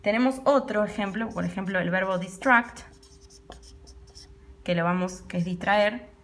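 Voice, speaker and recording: A woman English teacher, patiently explaining a pronunciation rule and often checking in with her students. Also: medium pitch. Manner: patient, repeats words slowly and checks in with students. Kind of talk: classroom lesson explaining pronunciation.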